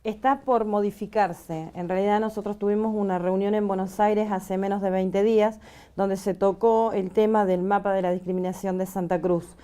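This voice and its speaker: A woman speaks as a guest on a panel. Her voice is warm and mid-pitched. She hesitates often and fills her pauses. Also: flat delivery. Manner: hesitant, many filler pauses. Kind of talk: panel discussion.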